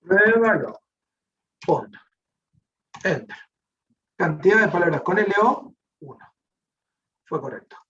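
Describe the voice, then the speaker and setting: A man's voice: high-pitched, lively intonation, slow pace, pauses often, pushed and bright, slight background noise. Male programming teacher, Rioplatense accent, patient and explanatory, distant muffled class recording. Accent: Rioplatense Spanish. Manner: explanatory, checks in with frequent "¿sí?". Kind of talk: online class, live coding.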